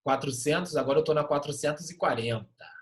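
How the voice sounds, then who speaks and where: A young adult man with a Brazilian Portuguese accent, teaching an online literature class in a lively, joking way and reading short poems aloud. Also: on the high side, brisk.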